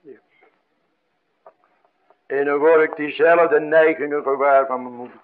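An older man preaching a fervent sermon, pleading with his congregation and often dropping to a soft voice. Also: a little high, fairly even intonation, measured pace. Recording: tinny phone-like radio recording.

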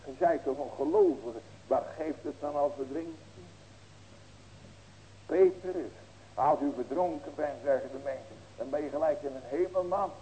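A male pastor preaching a sermon, asking rhetorical questions and breaking into loud raised cries. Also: on the high side, normal speed, a little hiss or hum, low-quality recording.

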